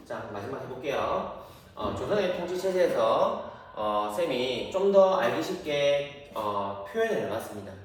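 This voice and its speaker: A man's voice: mid-range voice, very animated, measured pace, far from the mic. A man teaching a history lesson, who keeps asking the class questions and answering them himself. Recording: echoey room, voice off-mic.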